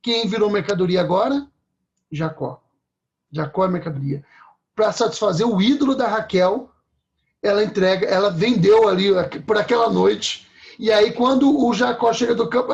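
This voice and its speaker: Man, preacher, high-pitched voice, chatty sermon, muffled lo-fi recording. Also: moderate pace, vocal fry. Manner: conversational, checks in with "tá?".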